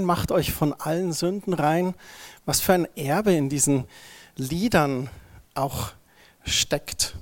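A man, a pastor preaching a casual, lively sermon in a free church service, reading scripture and mixing in slang. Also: on the high side.

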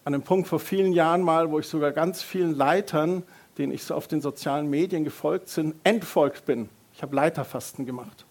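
A middle-aged man preaching a lively sermon as a pastor, joking with the congregation and raising his voice for emphasis. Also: fairly high pitch, brisk. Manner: lively, varies loudness for emphasis, jokes with congregation.

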